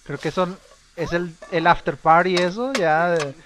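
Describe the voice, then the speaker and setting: A young man talks through his life-sim game in a loose, rambling way. He muses half to himself and to his viewers, then breaks into quick excited shouts now and then. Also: high-pitched, noisy background. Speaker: gameplay streamer. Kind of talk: casual life-sim commentary.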